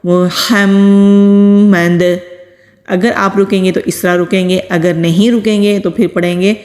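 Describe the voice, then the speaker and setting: A woman giving a recitation lesson, patiently explaining pronunciation rules step by step and reciting words slowly. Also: fairly low pitch, steady tone, a little mellow, in a large hall. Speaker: Quran recitation teacher.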